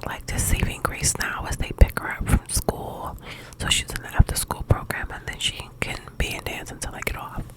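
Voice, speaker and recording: A woman speaking in a hushed, breathy whisper, quiet as if late at night, rambling casually in halting phrases like a personal ASMR chat. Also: poor audio. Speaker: ASMR video host.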